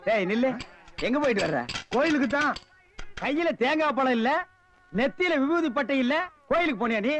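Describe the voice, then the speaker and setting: A man acting in a film comedy scene, scolding and mocking others in quick banter. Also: very high-pitched, animated, a bit bright, highs cut off, a little hiss or hum. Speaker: comic actor in a film scene.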